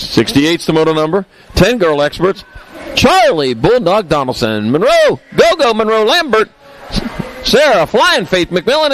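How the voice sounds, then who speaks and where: A high-voiced male announcer calling live races at an outdoor track, his pitch swinging widely as he reels off riders and cracks jokes between heats. A faint background noise sits under the voice. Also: rough recording. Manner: jokey asides between rapid rider call-outs. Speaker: race announcer. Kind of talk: live race commentary.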